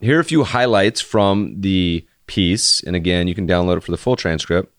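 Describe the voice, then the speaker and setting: A deadpan American man delivers a solo podcast monologue in a low, monotone voice. He sounds casual and conversational, recorded close and dry with very little room sound. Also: normal speed, no echo. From United States. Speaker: podcast host.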